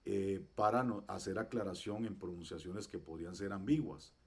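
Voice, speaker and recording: A man teaching a class, patiently explaining pronunciation and repeating each example slowly. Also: low voice. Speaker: Hebrew teacher. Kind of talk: online class.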